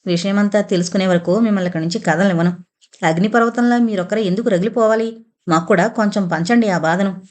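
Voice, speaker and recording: A woman voicing a calm, kind young heiress who speaks softly and soothingly in a storybook reading. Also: medium pitch, fast, close to an everyday voice.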